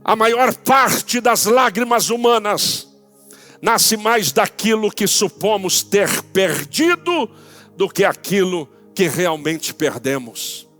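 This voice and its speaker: A man with a Brazilian Portuguese accent preaching a sermon as pastor in a church, impassioned, speaking straight to his listeners and rising to shouted peaks. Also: high voice, animated, slow, soft background music. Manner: addresses listeners directly.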